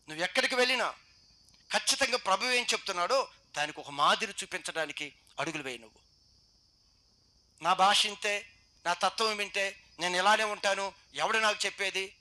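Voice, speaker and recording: A man with a Telugu accent preaching a sermon to a youth meeting, exhorting with rapid rhetorical questions and swinging between loud and quiet. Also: high voice. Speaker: pastor.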